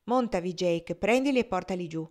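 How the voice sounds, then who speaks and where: Brisk practical cook, bossy in the kitchen, read by a woman. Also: on the low side, expressive, a little mellow, natural voice.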